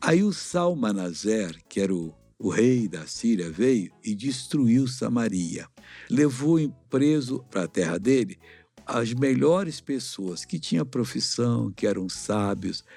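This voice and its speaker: Gravelly, dark-voiced Brazilian man teaching children. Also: medium pitch, big pitch swings, takes it slowly, no echo. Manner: avuncular, didactic, asks questions. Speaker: missionary Bible teacher, host. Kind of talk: children's Bible lesson, storytelling.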